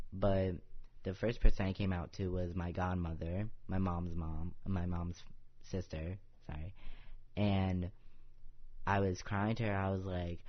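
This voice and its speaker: A young man with a very low voice tells his own story as a podcast guest, earnest and unpolished, and he drops "like" into nearly every phrase. The audio is dull and lo-fi, as if from a modest office podcast setup. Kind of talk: casual personal storytelling.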